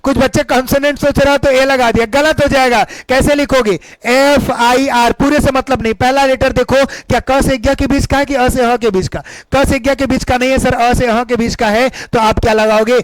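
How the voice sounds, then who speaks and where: A man's voice: very high-pitched, fairly even intonation, moderate pace, hardly any pauses, no room sound, poor audio. A man teaching English grammar for exams, emphatic and repetitive, often asking the students questions and calling them beta. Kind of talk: exam-prep lesson.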